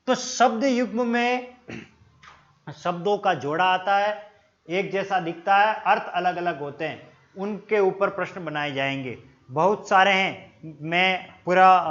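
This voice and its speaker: High-voiced man teaching Hindi grammar. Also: fairly bright tone. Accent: Rajasthani Hindi. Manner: explains slowly, repeats words and stresses pronunciation; addresses viewers as friends. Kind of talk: exam-prep Hindi grammar lesson. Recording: dull lo-fi sound.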